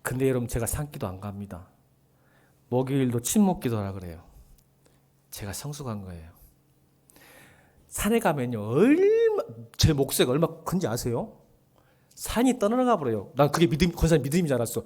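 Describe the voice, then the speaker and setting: Animated pastor with a lively voice. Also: male voice, mid-range voice, fairly quick, long pauses. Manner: animated, joking with the congregation, bursts into shouting. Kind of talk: sermon. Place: church sanctuary.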